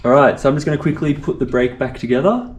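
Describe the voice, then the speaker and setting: A man's voice: medium pitch, fast talker. Easygoing man explaining a bike fix. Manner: relaxed, talks through each step as he works. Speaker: bike tech presenter. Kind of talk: casual how-to demonstration. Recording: echoey room with faint noise.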